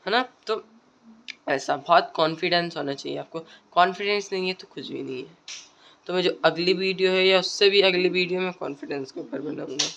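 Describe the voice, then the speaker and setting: A man's voice: sits high, fairly bright tone, muffled recording. Male creator, casual tutorial delivery, repetitive, filler-heavy, conversational. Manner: repeats phrases, frequent tag questions and fillers. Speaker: video creator giving speaking tips.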